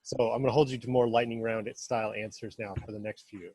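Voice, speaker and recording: A man hosts a casual interview, firing quick either-or questions in a friendly way. His voice is mellow and a little husky, and the recording is dry, with no room sound. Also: lowish voice, fairly even intonation, no room sound. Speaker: interview host.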